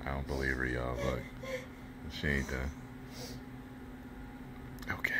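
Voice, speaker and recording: A woman's voice: rumbling low, flat delivery, slow. A woman casually teasing and commenting to camera while filming at home on a phone. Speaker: person filming. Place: living room, indoors. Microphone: phone, held while filming. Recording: noisy home phone recording.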